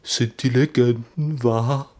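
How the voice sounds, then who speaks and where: A man's voice: mid-range voice, fairly even intonation, slow pace, a little mellow, lightly acted. A man voicing a timid, hesitant young male companion in a storybook reading. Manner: hesitant, fearful.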